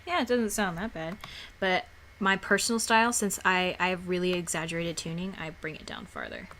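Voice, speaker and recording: This tutorial maker has a lowish, fairly bright voice and speaks fairly quickly with a very animated delivery. Recording her screen casually, she rambles and keeps restarting or repeating herself.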